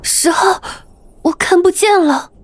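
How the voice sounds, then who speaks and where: A woman voicing a timid, trusting young heroine in an animated series, soft and hesitant. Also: very high-pitched, slow. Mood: nervous.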